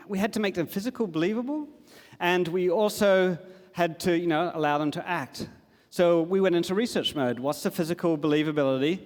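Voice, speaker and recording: A middle-aged man giving a casual, enthusiastic conference talk, with plenty of fillers. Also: fairly high pitch. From Australia. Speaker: conference speaker. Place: large conference hall. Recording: long hall reverb.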